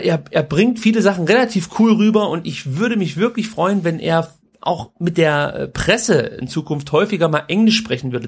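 A man hosting a podcast, giving casual news commentary in an informal, colloquial way with some crude slang. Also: fairly high pitch. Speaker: podcast host.

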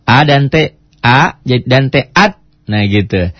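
A man teaching Quran recitation, chatting casually and breaking into slow chanted demonstrations. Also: medium pitch, expressive, a bit bright, dry recording. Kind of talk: tajwid lesson with recited demonstrations. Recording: dry, dull lo-fi radio recording.

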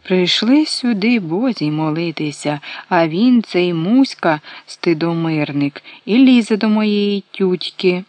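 An audiobook narrator voicing a sly dwarf woman with a feeble, thin, reedy little voice, speaking slowly. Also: mid-range voice, expressive, a little mellow, dry recording. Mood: plaintive.

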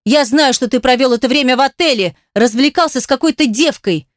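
A woman's voice: brisk, no echo, studio quality, close to an everyday voice. A woman voicing a hysterical, venomous woman who hisses and shrieks sarcastic accusations at her ex. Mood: shrill hysterical. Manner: shrill, hissing, sarcastic.

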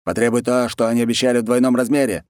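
A man's voice: medium pitch, flat delivery, very fast, darkish tone, no room sound, pitched above the performer's own voice, close to an everyday voice. Bloated capricious ruler, lazy and petulant, barks orders; male reader putting him on. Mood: bossy. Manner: lazy, peevish, bossy. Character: fat lazy cruel male khan, pompous and capricious.

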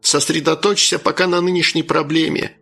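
A mocking old man, calm and condescending, speaking in a husky, slightly raised tone, voiced by a male audiobook reader. Faint music plays beneath this storybook reading. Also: on the high side, a little fast, full character voice. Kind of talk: audiobook character voice.

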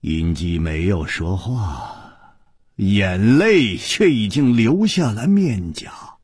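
A man telling a wuxia novel in a slow, dramatic storytelling style. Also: lively intonation, a little mellow, slightly rough, dry recording, clean studio sound. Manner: slow, dramatic narration with wide pitch swings.

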